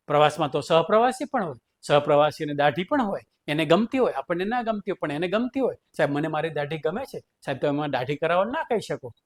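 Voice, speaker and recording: A man playing a stubborn male teacher who argues back in a lecturing way. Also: sits high. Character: stubborn bearded male teacher, defiant and argumentative.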